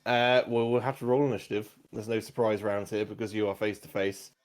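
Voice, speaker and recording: A man's voice: fairly low pitch, flat delivery, brisk. A man narrating a tabletop game as game master, descriptive and a little hesitant.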